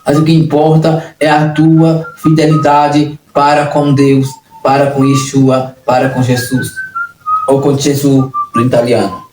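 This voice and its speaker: A man's voice: on the high side, level tone, measured pace, music in the background. A Brazilian man preaching a sermon in an earnest, repetitive way, often restarting his phrases. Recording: echoey room, distant mic, noisy.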